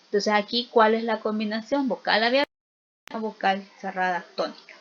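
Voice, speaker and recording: A woman teaching a spelling lesson, explaining slowly and patiently and often checking in with her students. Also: medium pitch, steady tone, highs cut off. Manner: slow, patient explaining with frequent check-in questions.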